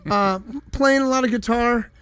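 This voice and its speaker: High-voiced man in his sixties, rambling. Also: moderate pace, clean tone, dry recording. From Southern California. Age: 60s. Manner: rambling, relaxed, sprinkled with "you know" and swearing. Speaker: guest musician. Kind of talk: casual chat.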